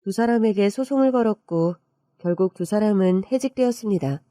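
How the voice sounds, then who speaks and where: A woman narrating a listener's story with an emotive storytelling manner. Her voice is mellow and warm, and the recording is dry and close. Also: mid-range voice, fairly quick, dry recording.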